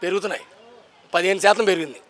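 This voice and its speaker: Brief: young man, high bright voice, fast combative street-poll talk, handheld mic outdoors. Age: young adult. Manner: emphatic, combative, keeps repeating rhetorical questions. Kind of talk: impassioned political street talk.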